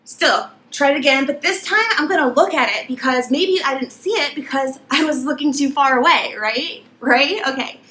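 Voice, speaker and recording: Young woman vlogger, casual storytelling to camera; bright, slightly high voice, animated, laughs often. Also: normal speed, few pauses, a little hiss or hum.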